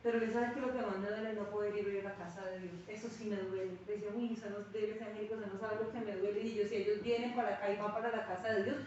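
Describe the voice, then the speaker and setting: A woman's voice: mid-range voice, very fast, hardly any pauses, a little hiss or hum. A woman pastor teaching a Bible class, telling stories and acting out what people said. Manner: lively storyteller who acts out quoted speech. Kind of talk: sermon-like Bible teaching with anecdotes. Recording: very echoey room, distant mic, dull sound.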